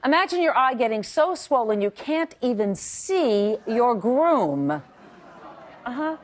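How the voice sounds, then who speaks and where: A woman's voice: fairly high pitch, sing-song, slow, a little hiss or hum. A woman hosting a live studio talk show, setting up a story with a playful, teasing manner.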